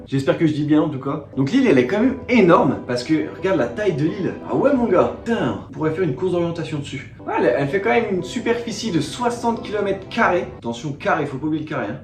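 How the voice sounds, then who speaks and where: A young man talks casually to his viewers from his living room, slangy, rambling and quick to mock himself. His voice sits a little high, and the room gives it a noticeable echo. Faint music plays underneath. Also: lively intonation, darkish tone. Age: young adult. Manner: slangy, rambling, self-mocking, many fillers. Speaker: YouTuber. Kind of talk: casual vlog storytelling.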